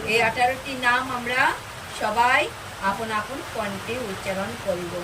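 A woman preaching on scripture and leading devotional chants, drawn-out and emphatic. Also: on the high side. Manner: slow, drawn-out recitation with rising emphasis. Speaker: Gita preacher. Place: outdoor gathering. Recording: distant mic with clear background noise.

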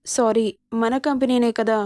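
A coaxing, sulky young wife, as a woman narrator puts her on, pleading softly with her husband. The voice sits fairly high, and the recording is dry and close, with no room sound. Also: level tone, a little slow, dry recording, lightly acted.

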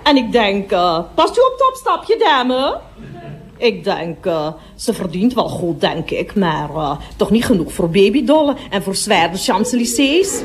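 A woman's voice: mid-range voice, big pitch swings, measured pace. An actress playing a gossipy middle-aged woman toilet attendant in a radio comedy monologue, chattering on and breaking off to speak to customers.

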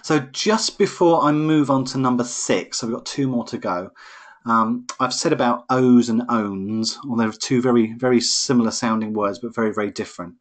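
A man's voice: mid-range voice, fairly quick. A man tutoring accounting in a live online lesson, explaining each step patiently over a computer microphone. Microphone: computer microphone on a webinar.

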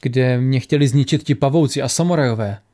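A man's voice: medium pitch, warm tone, lightly acted. A man voicing a proud, wealthy woman who sounds bitter and dejected. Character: rich, proud woman, bitter after failure.

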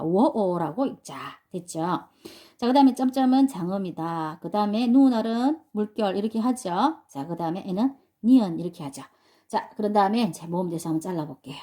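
This woman's mid-range, mellow voice guides adult learners through English pronunciation step by step. She is patient, repeats things, and often questions the class.

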